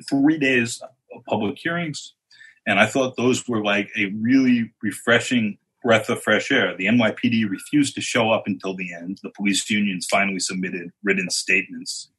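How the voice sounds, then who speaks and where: A man on a discussion panel who explains things in a measured and wry way. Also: on the low side, fairly bright tone, husky, poor audio. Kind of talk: casual political discussion.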